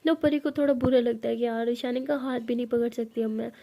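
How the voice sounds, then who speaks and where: A woman's voice: a little high, steady tone, brisk, creaky, warm tone, slight background noise. A woman telling a love story in a chatty, casual way, with asides to the listener.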